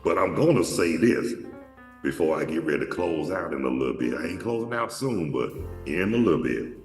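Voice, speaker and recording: Quick-paced and lively in intonation, this man's deep, darkish voice carries faint music behind it. He's a show host from Atlanta, Georgia, rambling through a profane storytelling monologue full of restarts, captured by a distant mic in an echoey room.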